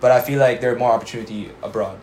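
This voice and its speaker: Relaxed young man, roomy echo. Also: mid-range voice. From Philippines. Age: young adult. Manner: relaxed, many um fillers and slow pauses. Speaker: interview guest. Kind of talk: casual interview answers. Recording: roomy echo, faint background noise.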